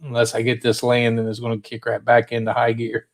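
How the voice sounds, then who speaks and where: A man's voice: medium pitch, monotone, fairly quick, creaky. A man hosting a casual live stream chat, talking in a rambling, tired way.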